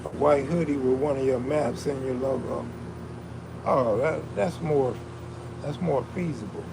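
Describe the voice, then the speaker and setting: A man hosts a laid-back live stream, reading comments aloud and chatting in a slangy, streetwise way. His voice is medium-pitched, unhurried, and gravelly yet soothing and soulful, with a noisy background behind him.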